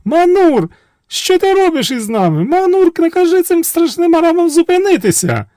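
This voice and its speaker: Man putting on a high shrill princess voice, young, tricky, coaxing, storybook tale. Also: expressive, normal speed, a little mellow, no echo, clean studio sound. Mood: shrieking. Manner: shrill, pleading, coaxing cries.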